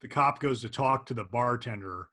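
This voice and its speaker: A young man with a slightly husky, breathy voice talks through a film in an easygoing, reflective way. He laughs readily and builds his thoughts as he goes, in a relaxed podcast conversation. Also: mid-range voice, moderate pace. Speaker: podcast co-host. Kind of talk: casual chat.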